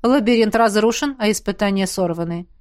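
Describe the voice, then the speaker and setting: A woman voicing a weary young apprentice who speaks in a tired, measured way. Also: mid-range voice, a little mellow, dry recording, studio quality, natural voice.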